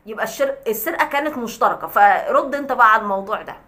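A woman's voice: a little high, expressive, very fast, a bit bright. A woman with an Egyptian accent, a vlogger ranting at a critic in a sarcastic, scolding way with scornful laughs. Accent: Egyptian Arabic. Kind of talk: mocking rant to camera.

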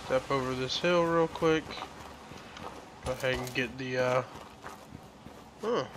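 A man's voice: medium pitch, takes it slowly. Foul-mouthed male gamer, muttered jokey commentary, noisy recording. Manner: profane, joking, mutters to himself. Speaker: gameplay commentator. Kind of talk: casual gameplay commentary.

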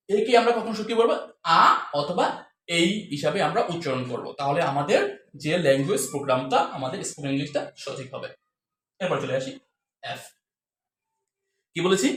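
Animated man teaching English sounds. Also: high-pitched. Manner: animated, keeps asking the viewers questions; drills each sound over and over. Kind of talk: spoken English lesson. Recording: echoey room with faint ambient noise.

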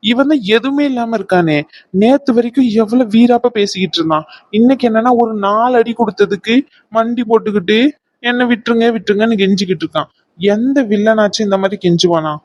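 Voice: medium pitch, quick pace, dry recording, dull audio, natural voice. A performer voicing a captured villain in a cartoon, a boastful man turned whiny coward who grumbles and pleads comically.

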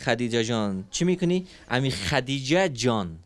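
A man, hosting a street interview with working children and asking them questions in a gentle, coaxing, soothing way full of endearments. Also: mid-range voice, very animated, no room sound. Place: street outdoors.

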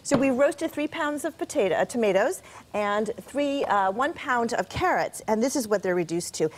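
A woman's voice: on the high side, expressive, moderate pace. A middle-aged woman cooking instructor walking through a recipe step by step on a TV studio kitchen set, friendly and explanatory. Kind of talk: cooking demonstration on a TV show.

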